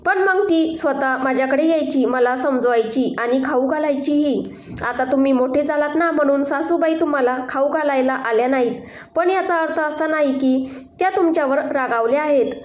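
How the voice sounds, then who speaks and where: Woman reading as a sweet naive young wife, gentle and coaxing, high voice, echoey room. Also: moderate pace, natural voice. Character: innocent, affectionate young wife. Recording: roomy echo.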